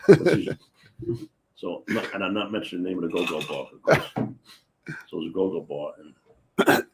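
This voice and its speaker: A man's voice: sits low, big pitch swings, normal speed, gravelly, noisy background. A man in his sixties hosting a casual chat, telling stories animatedly and acting out the voices of the people in them. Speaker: host.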